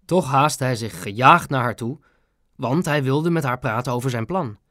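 A narrator reading a children's story aloud in an audiobook reading, with expressive storytelling. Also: medium pitch, moderate pace, no room sound, clean studio sound.

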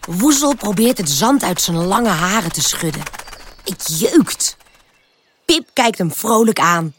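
A woman reading a children's storybook aloud in a gentle, clear storytelling manner. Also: medium pitch, animated, normal speed, slight background noise. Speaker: narrator.

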